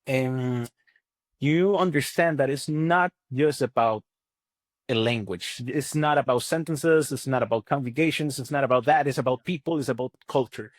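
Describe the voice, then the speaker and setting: A man's voice: mid-range voice, moderate pace, dry recording, studio quality. A Venezuelan man with a Venezuelan accent and Spanish as his first language, talking conversationally and emphatically as an interview guest, often repeating himself. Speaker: podcast guest, language company chief and teacher.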